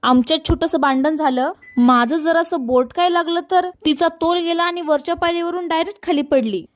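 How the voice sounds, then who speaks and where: Scheming young woman, anxious, talks back, woman narrator doing her in a high voice. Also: normal speed. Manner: plain quoted delivery within a recap.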